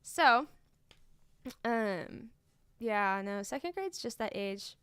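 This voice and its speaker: A young woman chatting on a stream, her voice a touch high and very smooth. She rambles through classroom stories with plenty of "um" and "like" and laughs often, close and dry on the mic. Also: animated, takes it slowly, fairly bright tone, no room sound. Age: young adult. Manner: chatty storyteller, laughing often, lots of fillers. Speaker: streamer and student teacher. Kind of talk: casual chat.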